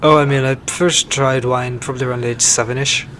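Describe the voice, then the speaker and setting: Young guy on a podcast, halting, umming a lot, mid voice. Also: medium pitch, steady tone, fairly bright tone, a little hiss or hum. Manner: halting, many fillers. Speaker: podcast guest. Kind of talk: casual interview.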